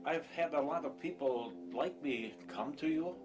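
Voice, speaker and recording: In an audio drama, a man plays a nervous, hesitant patient on the run, speaking plainly and uneasily. His natural voice is a little high and unhurried, with music underneath.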